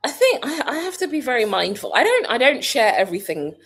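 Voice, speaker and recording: A British woman vlogging in a casual, rambling way, thinking out loud and laughing often. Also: on the high side, very animated, quick pace. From Britain. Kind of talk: casual vlog chat.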